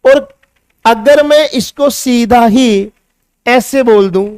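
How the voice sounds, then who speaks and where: A man's voice: extremely high pitch, slow pace, darkish tone, clean tone, no room sound, studio quality. A male chemistry teacher with a Hindi accent, giving a classroom lecture that mixes English science terms into Hindi and asks his students questions before answering them himself.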